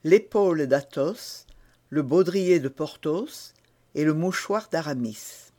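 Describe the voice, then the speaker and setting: A man reading a classic novel as an audiobook narrator, in a measured, expressive storytelling manner. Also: a little high.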